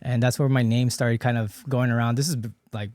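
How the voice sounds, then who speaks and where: A man's voice: medium pitch, steady tone, brisk, darkish tone. Chatty man in his late thirties. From Philippines, raised in Hawaii. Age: late 30s. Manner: loose and chatty, full of "you know" fillers and restarts, laughs often. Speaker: guest. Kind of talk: casual conversational interview.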